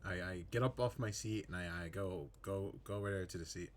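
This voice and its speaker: A man's voice: deep voice, brisk, slight background noise. A man playing a character in a tabletop game, speaking hesitantly with stammers. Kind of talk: casual in-character play.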